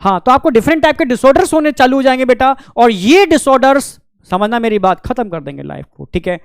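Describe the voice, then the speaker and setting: High-voiced chatty male teacher. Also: big pitch swings, fast, vocal fry, smooth, no echo, studio quality. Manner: chatty, keeps asking "ठीक है?", acts out friends' quotes. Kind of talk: casual Hindi biology lecture.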